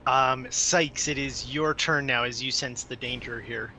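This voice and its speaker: Bright-voiced man running a tabletop game. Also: mid-range voice, steady tone, unhurried, a little hiss or hum. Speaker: game master. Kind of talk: casual narration of a tabletop game.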